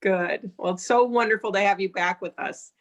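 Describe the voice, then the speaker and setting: A woman's voice: medium pitch, moderate pace, dull audio. A woman hosting a group video call, chatty and welcoming to the guests. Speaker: call host.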